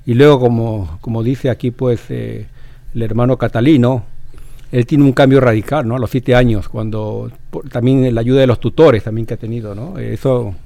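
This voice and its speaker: Man, gravelly voice, dry close sound, hesitant thoughtful talk. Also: mid-range voice, fairly even intonation, normal speed, warm tone, dry recording. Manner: thoughtful, keeps tagging "¿no?", hesitant fillers. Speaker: participant in a religious discussion. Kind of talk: casual devotional discussion.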